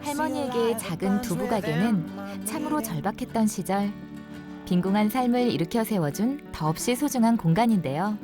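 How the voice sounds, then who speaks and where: A woman's voice: medium pitch, expressive, normal speed. A woman reading scripted television documentary narration as a voice-over. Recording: studio voice-over under loud music.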